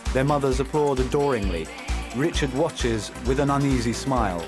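A man reading scripted audio description of a film in the present tense, in a measured, descriptive way. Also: mid-range voice, music in the background.

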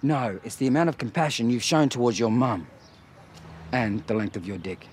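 An actor playing a crude, sarcastic talking dog who is needy and blunt, with deadpan needling in a TV comedy-drama. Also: male voice, medium pitch, normal speed, slight background noise, close to an everyday voice.

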